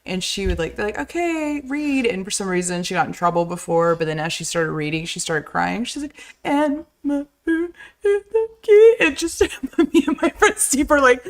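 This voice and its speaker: A woman's voice: on the low side, lively intonation, fairly quick, fairly bright tone. Teasing, giggly woman co-host. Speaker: stream co-host. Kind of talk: casual chat.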